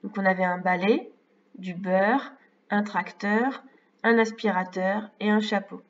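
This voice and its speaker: A woman teacher with a French accent, slowly and carefully correcting exercises for young pupils step by step. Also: medium pitch, fairly even intonation. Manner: slow, careful, explains step by step. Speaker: primary school teacher. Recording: distant, slightly dull mic.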